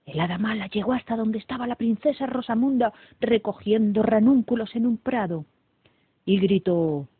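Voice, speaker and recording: A woman reading a children's story aloud in a lively, animated way. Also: fairly high pitch, a little fast, hardly any pauses, no room sound. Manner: animated read-aloud with voices. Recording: dry, tinny phone-like, raspy.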